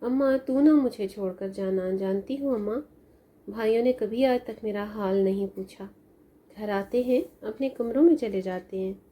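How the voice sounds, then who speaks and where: A woman voicing a sad, lonely young woman who pleads softly as she grieves for her mother in a storybook tale. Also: mid-range voice, moderate pace, close to an everyday voice. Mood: sorrowful. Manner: plaintive, pleading.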